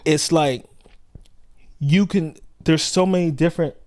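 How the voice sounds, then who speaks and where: A man from South Central Los Angeles, co-hosting a podcast in loose, slangy casual chat, acting out quotes in high put-on voices. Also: measured pace, a little mellow, no room sound, studio quality. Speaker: podcast co-host.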